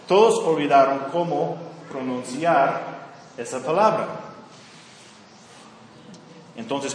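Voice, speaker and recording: A man's voice: mid-range voice, slight background noise. Guy teaching a bible lesson, lots of ums and "right?", sounds far off in a big echoey hall. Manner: frequent fillers and check-in questions.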